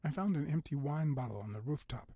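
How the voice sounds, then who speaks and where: A man voicing a wry, hard-boiled noir detective in a video game, with a husky, gravelly voice. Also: on the high side, animated, fast, mellow, no echo. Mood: probing, cool.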